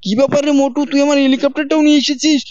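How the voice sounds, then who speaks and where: Gaming host, high voice, quick theatrical scolding, dry dull lo-fi sound. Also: flat delivery, no room sound. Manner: loud, theatrical threats and scolding. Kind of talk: gaming role-play narration.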